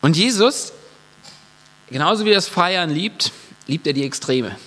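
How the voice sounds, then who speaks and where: A man's voice: a little high, lively intonation, unhurried, a bit bright. A man preaching in a slightly raised voice that rings with the long reverb of a church hall. His delivery is loose and colloquial as he acts out the people he talks about. Faint mains hum sits under the sound. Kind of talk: lively sermon.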